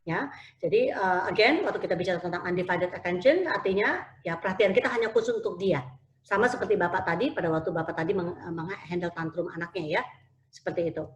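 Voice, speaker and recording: A woman's voice: fairly low pitch, fast talker, roomy sound, slight background noise. A woman giving an online parenting talk over a video call, often mixing in English phrases with frequent fillers. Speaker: parenting speaker.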